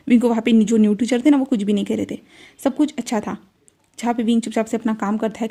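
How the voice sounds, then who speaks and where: Fast, dark-voiced woman retelling a story. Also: a little high. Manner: chatty, fillers like "jo hai na", retells dialogue in a flat voice. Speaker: storyteller reading fan fiction. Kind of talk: casual story narration with quoted dialogue.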